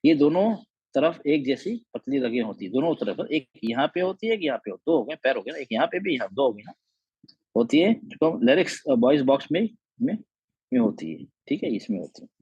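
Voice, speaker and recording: A man teaching tajweed in a patient classroom manner, sounding out syllables slowly and asking "okay?" after each point. His voice is dark and somewhat husky, recorded dry and a little dull. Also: mid-range voice, very animated, no room sound. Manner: checks in often with "okay?" and "theek hai?"; sounds out letters and vowels slowly to demonstrate. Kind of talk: classroom explanation with drawn diagrams.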